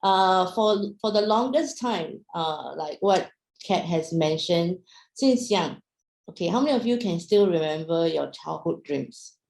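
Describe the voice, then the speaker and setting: A chatty young woman talks to an online audience, full of fillers and questions. Her voice is low and gravelly with fry. The room around her is echoey. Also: animated, measured pace, a little mellow. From Myanmar, raised in Singapore. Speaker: speaker at an online business talk. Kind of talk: casual presentation to an online audience.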